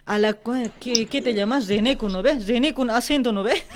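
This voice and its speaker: High-voiced teasing Bolivian radio host. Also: female voice, normal speed. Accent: Bolivian Spanish. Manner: teasing, laughing, bossy banter. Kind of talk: call-in radio comedy. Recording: loud music behind voice.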